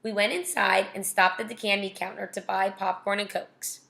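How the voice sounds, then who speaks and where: A woman's voice: medium pitch, steady tone, moderate pace, creaky, fairly bright tone. A young woman casually reading a children's novel aloud, breaking off to chat and comment. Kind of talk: casual read-aloud with asides.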